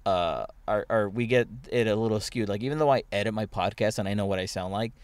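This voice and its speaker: A young man with a fairly low, clear, resonant voice talks quickly, with no echo. He's a podcast host telling stories in casual, rambling chat, full of fillers and restarts.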